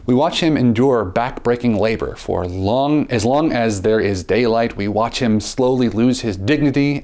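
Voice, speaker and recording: Theatrical man reviewing a film. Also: a little mellow. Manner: theatrical, with dramatic pitch swings and slowed emphasis; repeats words at the start of phrases.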